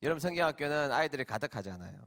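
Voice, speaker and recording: A middle-aged man, a senior pastor, preaching a sermon as emotional storytelling that swings from loud, stretched emphasis to hushed quiet. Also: fairly high pitch, lively intonation, rapid-fire, gravelly.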